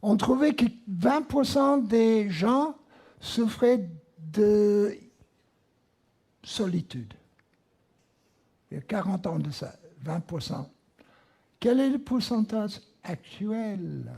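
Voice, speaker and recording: A man's voice: high-pitched, animated, takes it slowly, creaky, pauses often, darkish tone, slightly rough. A man with an American accent preaching a sermon, repeating key words for emphasis. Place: church.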